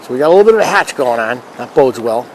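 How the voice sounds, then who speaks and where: Animated and fast-talking, a man at medium pitch delivers easygoing, folksy fishing commentary to viewers. He's a fishing vlog host standing in a river outdoors. The audio is rough, with clear river and ambient noise behind him.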